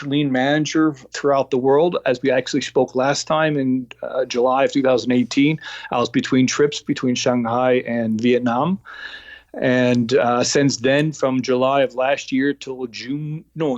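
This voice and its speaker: A man from New York with a faint New York accent, a lean coach talking as a podcast guest in a halting way, full of fillers and restarts. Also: medium pitch, no echo, dull audio. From New York, United States. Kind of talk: casual interview talk.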